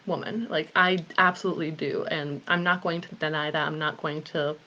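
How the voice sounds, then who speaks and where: Woman, late twenties, low-ish voice, candid and rambling live-video chat, muffled lo-fi sound. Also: steady tone, brisk, bright, forceful tone. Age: 20s. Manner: chatty, candid, rambling with many ums. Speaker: author and group host.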